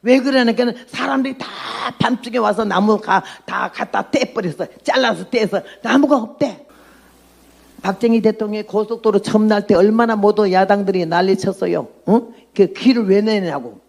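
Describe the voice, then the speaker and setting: Gravelly-voiced woman in her eighties preaching. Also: medium pitch, moderate pace, a little mellow. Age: 80s. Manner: blunt, emphatic preaching. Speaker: missionary. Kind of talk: testimony sermon.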